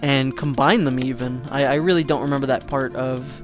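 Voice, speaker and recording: A man with a mid-pitched voice gives casual gameplay commentary. He rambles, stumbles over fillers and drops joking asides. Game music plays clearly underneath. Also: fairly even intonation, a little fast. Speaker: let's play commentator.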